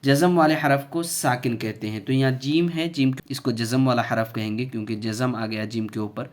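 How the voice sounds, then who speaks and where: A man teaching Quran reading, spelling out syllables slowly and loudly, then explaining quickly in a softer voice. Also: mid-range voice, steady tone. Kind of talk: slow spelled-out recitation lesson.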